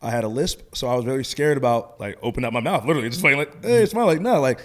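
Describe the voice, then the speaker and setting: A man with a slight lisp, co-hosting a podcast and chatting casually as a coach, talkative and animated when telling stories. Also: mid-range voice, rapid-fire. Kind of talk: casual chat.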